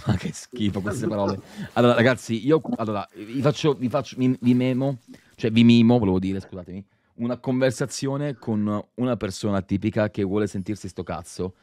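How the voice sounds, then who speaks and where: An Italian man streaming and chatting with friends, mocking and teasing, swinging between low mutters and loud outbursts. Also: moderate pace, dry recording. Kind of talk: casual streaming chat.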